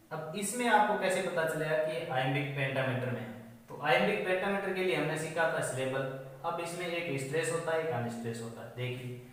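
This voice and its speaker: A male teacher giving an exam-prep lesson, asking the class a question and then repeating the answer himself as he writes on a board. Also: a little high. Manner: writes on a board while explaining. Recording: echoey room, distant mic.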